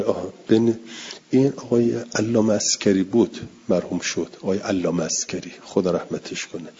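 A man's voice: fairly low pitch, dark tone, husky. An older man teaching a religious studies class, patiently explaining rules and repeating them with worked examples. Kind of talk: classroom lecture. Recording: dull lo-fi recording with hall reverb.

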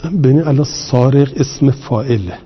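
A man with a husky voice leads a classroom grammar lesson. He works slowly, repeating each term and asking his students rhetorical questions. His voice carries a long reverb on a dull, lo-fi recording. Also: medium pitch. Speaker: teacher.

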